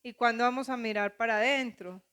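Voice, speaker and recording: A woman's voice: on the high side, steady tone, brisk, a bit bright, clean tone. A middle-aged woman pastor with a Colombian accent, preaching a sermon full of rhetorical questions. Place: church.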